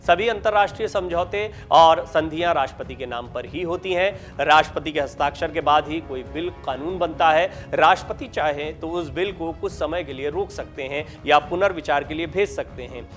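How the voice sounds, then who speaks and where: A man narrating a scripted news report in a steady, formal, explanatory read. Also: on the high side, moderate pace, few pauses. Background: faint background music.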